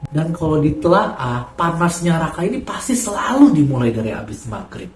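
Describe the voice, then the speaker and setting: A man's voice: on the high side, very animated, moderate pace. A man hosting a horror story channel, chatting casually and addressing his listeners directly. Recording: echoey room, faint music.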